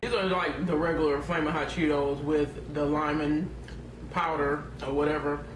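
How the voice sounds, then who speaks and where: A man chatting through a mouthful of snack, his voice sitting a little high for a man. He talks casually and hesitantly, as in an offhand taste-test video. The room is echoey with clear noise behind him. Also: little pitch movement, normal speed, far from the mic. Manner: casual, hesitant with many ums. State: mouth full. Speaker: snack reviewer.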